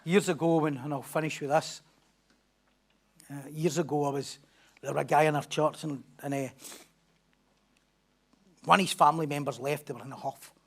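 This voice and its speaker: Pastor preaching emphatically. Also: male voice, a little high, fairly even intonation, moderate pace, gravelly, long pauses, fairly bright tone. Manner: emphatic, repetitive preaching with rhetorical questions. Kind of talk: sermon.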